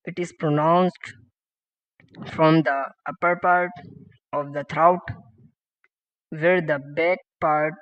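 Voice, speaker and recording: A male Quran teacher gives a beginners' pronunciation lesson in a slow, flat, slightly high voice. He repeats each letter sound several times, louder than his plain, short-phrased explanations. The dry, dull lo-fi recording has faint background music.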